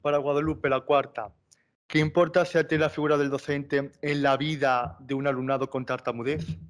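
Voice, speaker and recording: A man's voice: a little high, level tone, normal speed. A man with a Spanish accent moderating a panel, reading out brief, direct questions.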